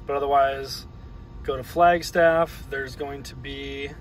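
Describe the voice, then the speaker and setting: On a low-quality recording, a man with a medium-pitched voice takes his time as he casually narrates his road trip from inside his car. Relaxed and rambling, he fills his talk with lots of fillers while driving and charging.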